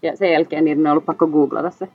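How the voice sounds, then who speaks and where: A woman co-hosting a podcast, chatting casually over a remote call from indoors, replying in a relaxed, dry way. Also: low-pitched. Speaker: podcast co-host. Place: indoors, a public venue with staff cleaning nearby. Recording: muffled lo-fi remote line.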